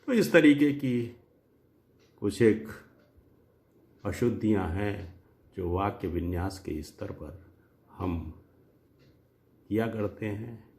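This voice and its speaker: A man teaching Hindi grammar in a lecture, speaking slowly and deliberately, spelling out example sentences word by word and addressing viewers directly. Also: lowish voice, vocal fry, darkish tone.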